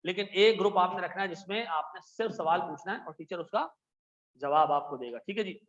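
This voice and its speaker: Animated Pakistani male teacher, high voice. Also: a little fast, lo-fi sound. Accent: Pakistani Urdu. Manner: chatty, animated, frequent "theek hai ji" asides. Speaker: accountancy teacher. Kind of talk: classroom lecture. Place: classroom with air conditioners and lights.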